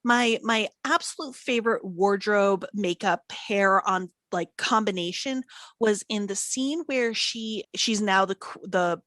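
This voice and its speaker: A woman hosting a casual film podcast, leading the talk in an upbeat, deliberate way. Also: mid-range voice, a bit bright, dry recording, clean studio sound. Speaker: podcast host. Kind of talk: casual chat.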